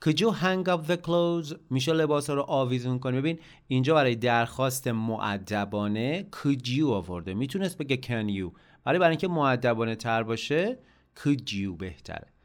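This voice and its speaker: A man teaching English. He says each example phrase slowly and carefully, then explains it in a relaxed, casual way. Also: medium pitch. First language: Persian. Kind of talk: language lesson with slow example phrases.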